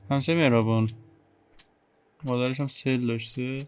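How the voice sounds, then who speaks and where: Fast-talking Iranian man muttering through a game. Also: medium pitch, steady tone, clean tone. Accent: Iranian Persian. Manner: muttering, thinking aloud. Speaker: game streamer. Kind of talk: casual game walkthrough commentary.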